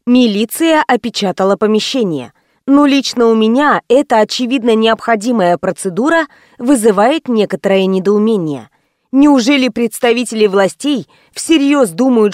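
A woman's voice: a little high, no room sound, clean studio sound. A woman narrating a first-person audiobook in a wry, ironic storytelling manner.

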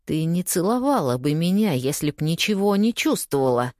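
A woman's voice: lowish voice, big pitch swings, moderate pace, a little mellow, no room sound, clean studio sound. A woman reading an audiobook, voicing an angry, pushy young man who growls and snaps his lines. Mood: accusing. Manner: gruff, growling.

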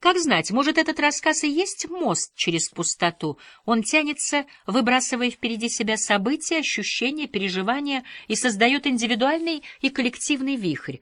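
A woman reading a literary novel aloud in a measured, reflective audiobook style. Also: high voice, lively intonation, fairly bright tone, dry recording. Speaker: audiobook reader.

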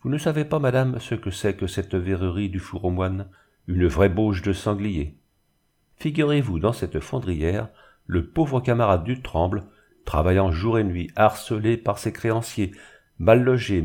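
A man voicing an obsequious, smooth-talking village bailiff with an unctuous, honeyed manner. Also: lowish voice, expressive, unhurried, a little mellow. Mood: wheedling.

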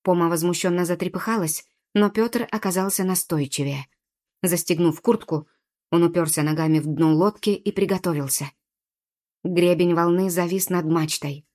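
Woman narrating a storybook, low-pitched. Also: moderate pace, a little mellow. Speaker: audiobook narrator. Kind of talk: expressive storybook reading.

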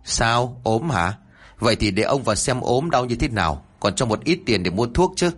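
A man voicing a cruel, lecherous old village chief who bosses people around in a husky voice. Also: mid-range voice, expressive, normal speed. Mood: bossy. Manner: bossy, barking orders, then oily and coaxing.

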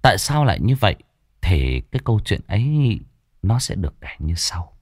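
A man, narrating a ghost story in a dramatic, expressive way. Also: on the low side, normal speed, no room sound, clean studio sound.

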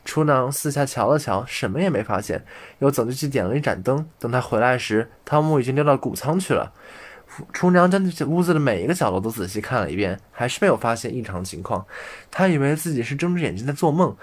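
A man's voice: mid-range voice, animated, fast talker. Man reading a fairy tale. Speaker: audiobook reader.

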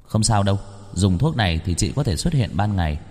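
Man doing a calm young ghost helper. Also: fairly low pitch, a little fast, in a large hall.

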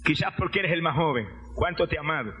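Brief: a preacher putting on a devout dying old mother, hushed and gentle. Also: on the high side, expressive, quick pace, pitched below the performer's own voice. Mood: tender farewell. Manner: soft, tender farewell. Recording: dull lo-fi recording, faint music.

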